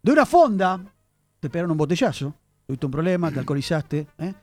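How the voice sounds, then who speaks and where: A man hosts a radio column about where words come from, speaking in a high, very animated voice that jumps up and down as he spins his tale. Faint music plays behind him in the studio. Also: quick pace. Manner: chatty, animated storyteller addressing listeners. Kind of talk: radio segment on word origins.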